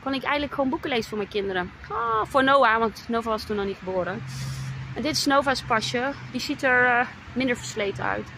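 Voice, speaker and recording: A woman's voice: fairly high pitch, expressive, fairly quick. Woman in her 30s venting to her followers outside, keeps saying wow, faint traffic behind. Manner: exclaims "wauw" often, mixes in English phrases, addresses viewers as "mensen". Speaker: vlogger. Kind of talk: emotional personal vlog.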